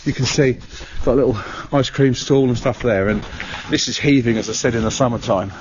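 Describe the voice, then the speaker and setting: A man's voice: mid-range voice, brisk. A middle-aged man, chatting casually and a little out of breath as he walks and vlogs through a waterside park, rambling with plenty of "uh"s. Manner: rambling, chatty, with frequent "uh" and restarts. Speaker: travel vlogger. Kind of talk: casual walking vlog. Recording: dull lo-fi sound with clear background noise.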